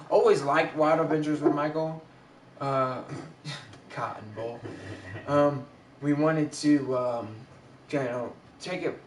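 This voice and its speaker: A man chats loosely on a livestream and drifts through fillers and restarts at a middling pitch. His voice rings with heavy echo, picked up by a camera mic set well away from him. A faint hum of background noise sits underneath. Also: recorded from a distance. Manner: rambling, with many fillers and restarts. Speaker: livestream host. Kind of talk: casual livestream chat.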